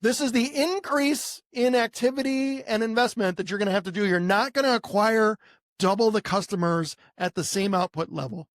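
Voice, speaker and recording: An American marketing agency owner chats casually as a podcast co-host, his high-pitched voice moving at a normal speed. The sound is dry and studio-clean, and he is conversational, asking rhetorical questions and speaking as imagined clients.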